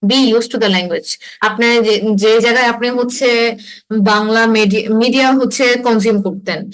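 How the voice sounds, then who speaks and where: A woman's voice: on the high side, normal speed, rough recording. A young woman, an exam-prep instructor, explains things in a lecture and mixes in English phrases. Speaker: IELTS instructor. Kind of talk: online class lecture.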